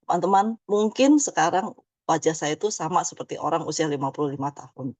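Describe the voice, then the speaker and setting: A woman's voice: low voice, expressive, brisk, a little mellow, no echo. A woman in her fifties giving a chatty motivational presentation, tagging many phrases with "ya". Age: 50s. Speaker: business presenter.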